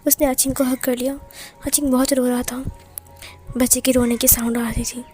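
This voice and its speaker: A woman retelling fan fiction as a storyteller, in plain, steady narration. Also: sits high, moderate pace, soft background music.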